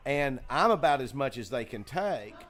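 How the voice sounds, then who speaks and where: A man's voice: mid-range voice, very animated, normal speed, a bit bright. A man who runs a comedy club, chatting casually in a green room, telling long stories full of fillers and restarts. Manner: rambling, lots of fillers and restarts. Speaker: comedy club owner, co-host. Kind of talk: casual storytelling chat.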